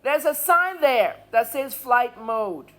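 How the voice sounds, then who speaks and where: A woman's voice: fairly high pitch, lively intonation, slow pace, fairly bright tone. A middle-aged woman with a Nigerian accent giving opinionated news commentary as a journalist, emphatic, blunt and scolding.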